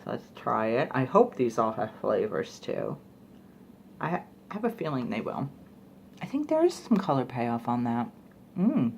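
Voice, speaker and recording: Chatty low-voiced woman reviewing lip balm. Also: very animated, measured pace, creaky, darkish tone, a little hiss or hum. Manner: chatty, rambling with fillers. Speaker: beauty vlogger. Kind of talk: casual product review.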